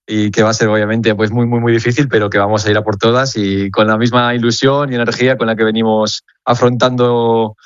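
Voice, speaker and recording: A young man from Spain, a footballer, answering questions earnestly over the phone, halting and repeating words as he searches. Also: medium pitch, little pitch movement, smooth, dry recording, dull audio. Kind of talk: phone interview.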